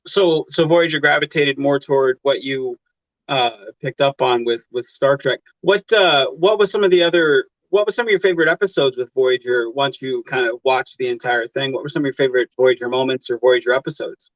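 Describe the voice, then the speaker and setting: A man's voice: medium pitch, fairly quick, no room sound. Rambling man host on a dull dry mic. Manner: rambling, repeats words, many you-knows. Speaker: interview host. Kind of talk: casual interview chat.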